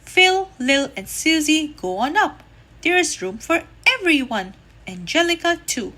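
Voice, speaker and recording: A woman voicing a kind, patient mother in a storybook read-aloud, gentle and coaxing. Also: high-pitched, sing-song, unhurried, heavily acted. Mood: cheerful.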